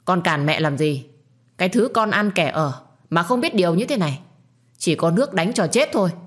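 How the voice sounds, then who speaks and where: A woman's voice: fairly low pitch, lively intonation, normal speed. A woman voicing a domineering middle-aged mother in a storybook reading, harsh and scolding. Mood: furious. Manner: scolding, shouting.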